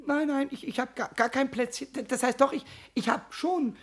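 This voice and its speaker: A man's voice: extremely high pitch, steady tone, normal speed. A man voicing a small, mischievous male goblin who stammers and repeats words in a radio play. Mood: flustered.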